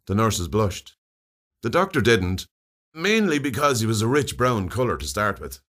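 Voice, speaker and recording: An Irish man reads a comic short story aloud at a moderate pace. His voice is fairly low, yet his intonation swings widely, and the scripted delivery is expressive and wry.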